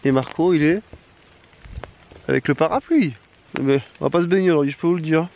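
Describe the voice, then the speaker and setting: A man's voice: fairly high pitch, fairly quick, highs cut off, slight background noise. A man talking to camera while fishing outdoors by a rocky reservoir, in a chatty, exclaiming and self-mocking way. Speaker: fishing vlogger. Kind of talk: casual outdoor vlog to camera.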